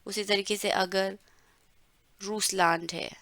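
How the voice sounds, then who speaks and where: A woman teaching a German lesson, explaining words and drawing out pronunciation slowly. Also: medium pitch, fairly even intonation, sharp tone, no echo. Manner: slow, drawn-out pronunciation drills. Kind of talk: bilingual language lesson.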